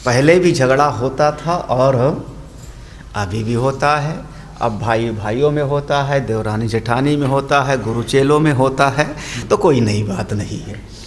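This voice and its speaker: A man's voice: medium pitch, a little slow, slight background noise. An older man, a swami, giving a storytelling commentary on scripture and explaining Sanskrit phrases.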